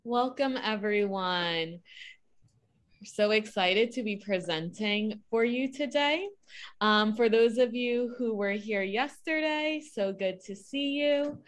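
A woman's voice: mid-range voice, takes it slowly. A woman in her thirties from New Jersey, a music teacher presenting an online teacher workshop over a video call in a friendly, upbeat way. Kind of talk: online professional development presentation.

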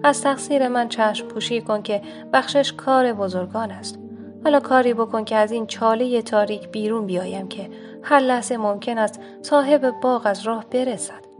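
A woman's voice: on the high side, over music, lightly acted. A woman voicing a proud wolf stuck in a pit, speaking in a pleading, coaxing way.

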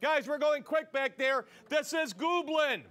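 High-voiced man repeating sales pitches. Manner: fast, repetitive, urging viewers to yell sold. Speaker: shopping show host.

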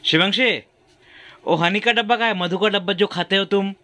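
Bright-voiced dad coaxing his child. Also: sits high, moderate pace, no echo. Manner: coaxing, repeats questions over and over. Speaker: father filming his daughter. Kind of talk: casual home vlog. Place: home, indoors.

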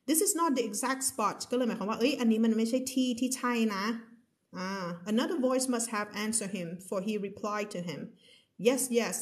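A woman English teacher on a live stream, reading a story slowly and explaining it in chatty, laughing asides. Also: medium pitch, darkish tone. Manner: reads English text slowly, explains in quick Thai; laughs often, chatty with viewers.

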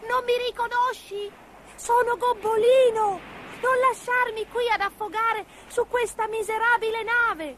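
A woman's voice: extremely high pitch, fairly even intonation, a little slow, background noise, voice pushed up. A woman voicing a frightened little male witch's kitten in a storybook reading, with pleading, tearful cries.

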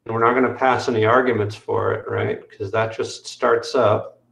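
Gravelly man explaining code on a call. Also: lowish voice, little pitch movement, normal speed, a bit bright, reverberant. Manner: explanatory, frequent "um" fillers. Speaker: developer demoing software. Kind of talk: technical screen-share walkthrough.

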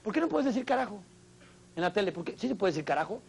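A man's voice: sits high, very animated, quick pace, gravelly. A man performing a theatrical stand-up monologue before a studio audience. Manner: theatrical, exclamatory, addresses live audience. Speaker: stand-up comedian host. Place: television studio stage with audience.

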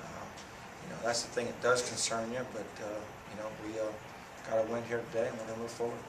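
Standing before a sponsor backdrop in a press room, a head football coach in his thirties fields post-game questions in a monotone, mid-range voice at a quick pace. His answers are plain and steady but full of fillers and restarts, and the audio is noisy and echoey, taken from a distant camera.

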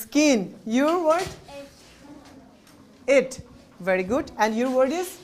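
A woman with a Bangladeshi accent leads a young class in sound practice. Her voice sits high, and she speaks slowly, spacing out each English word with care. The pupils answer her from around the classroom. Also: sing-song, a little mellow. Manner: slow, clear drilling of single words, mixing languages. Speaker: primary school English teacher. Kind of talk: classroom teaching.

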